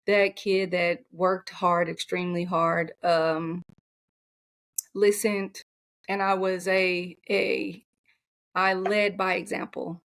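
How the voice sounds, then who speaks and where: A soft-spoken woman coach talking in an interview, with many fillers and restarts. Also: on the low side. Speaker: coach, podcast guest. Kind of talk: conversational interview.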